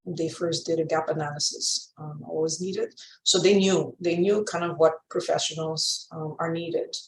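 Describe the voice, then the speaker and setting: A woman's voice: low voice, steady tone, normal speed. A woman with an Aruban accent explaining informally in an online session, mixing Dutch terms into her English. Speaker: panel speaker from Aruba. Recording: echoey room with faint noise.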